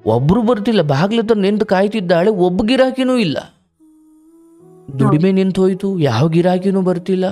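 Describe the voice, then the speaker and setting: High-voiced man giving fatherly counsel. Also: expressive, normal speed, soft background music. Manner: warm, fatherly, preaching advice with acted quotes. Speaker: spiritual counselor hosting a call-in show. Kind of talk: live call-in counseling talk.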